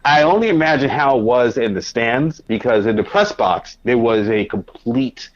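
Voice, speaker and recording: Animated New man telling stories. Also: medium pitch, moderate pace, dull audio, slight background noise. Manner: animated anecdotes, acts out his own past reactions. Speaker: podcast guest, sports writer. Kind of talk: conversational storytelling.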